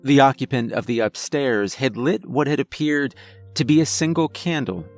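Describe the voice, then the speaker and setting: A man reading a scary story aloud in a measured, dramatic way. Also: medium pitch, faint music behind. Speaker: narrator. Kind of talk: scripted horror narration.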